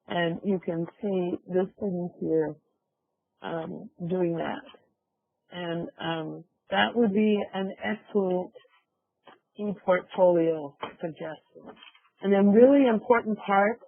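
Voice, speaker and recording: Slow high-voiced man on a conference call. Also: no echo. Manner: slow, halting, with many fillers. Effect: conference call audio. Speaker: visiting professor presenting a lecture. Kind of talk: lecture over a video conference call. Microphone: computer mic on a video call. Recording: phone-like narrow call audio, dry.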